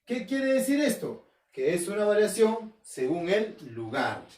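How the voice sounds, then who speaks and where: A man from Arequipa, Peru, a school language teacher, gives a recorded home-learning class in Peruvian Spanish. His voice is high-pitched and a little slow with big pitch swings and a darkish tone, and he poses questions to himself, answers them, repeats key terms and checks in with listeners. The recording has a roomy echo, with his voice far off the mic.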